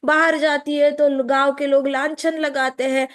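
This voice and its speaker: A woman's voice: high-pitched, level tone, a little slow. A woman voicing an anxious old mother-in-law who frets and pleads in a raised, wailing voice. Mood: lamenting. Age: older.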